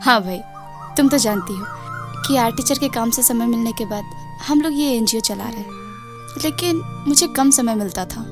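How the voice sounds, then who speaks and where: An earnest, determined village girl , played by a woman, speaking plainly in rustic dialect. Her voice is high. Soft music plays in the background. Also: moderate pace, natural voice. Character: determined village girl grown into art teacher.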